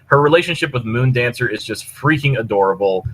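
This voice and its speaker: The speaker is a man co-hosting a podcast, reviewing stories casually and with rambling enthusiasm in an animated, brisk, slightly bright mid-range voice. The recording is low quality, made via computer mic on push-to-talk online voice chat with clear background noise.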